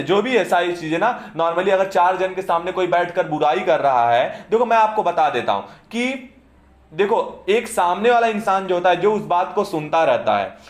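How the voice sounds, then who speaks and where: In an echoey room, a man with a fairly high voice delivers a classroom lecture, explaining points and repeatedly asking his students "समझे?" to make sure they follow.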